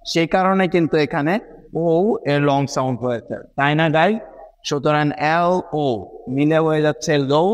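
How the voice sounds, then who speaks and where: A man's voice: a little high, long reverb tail. A man with a Bangladeshi accent teaching English pronunciation, spelling words letter by letter and checking in with his viewers. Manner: explains step by step, spells words letter by letter, often asks "right, guys?". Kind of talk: spoken phonics lesson.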